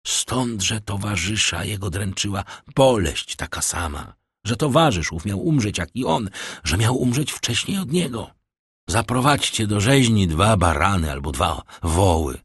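A cold, sardonic count who lectures slowly and scornfully in a low, husky voice, as a male narrator reads him. The recording is dry and close. His lines carry a lively, sweeping pitch. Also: dry recording. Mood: coldly scornful. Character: cold, sardonic aristocratic count, middle-aged man.

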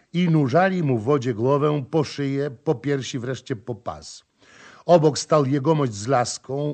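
A man narrates a novel in a steady, expressive reading voice. His pitch sits in the middle range. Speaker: audiobook narrator. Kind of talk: scripted narration.

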